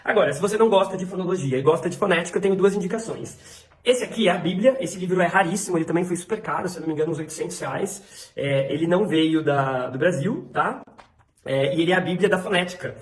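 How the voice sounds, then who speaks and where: A young Brazilian man teaching English pronunciation in a casual video lesson, rattling off terms quickly with fillers. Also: high voice, roomy sound.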